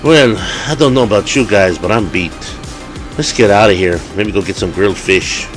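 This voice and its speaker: A man's voice: lowish voice, normal speed, faint music behind, natural voice, low-quality recording. A man voicing a laid-back, tired young male werewolf. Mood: weary.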